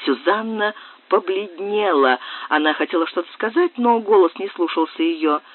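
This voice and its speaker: A man narrating a 19th-century novel as an audiobook in a steady, unhurried storytelling manner. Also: high-pitched, no room sound. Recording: tinny phone-like sound, dry.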